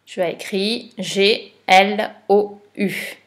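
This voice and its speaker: A woman's voice: mid-range voice, fairly even intonation, very slow. A woman teacher giving a patient dictation lesson for a child, spelling letters and syllables one by one.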